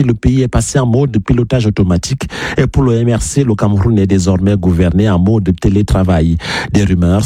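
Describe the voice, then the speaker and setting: News reporter dude, dark husky voice, dry sound, serious read. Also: male voice, on the low side, dry recording. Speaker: correspondent.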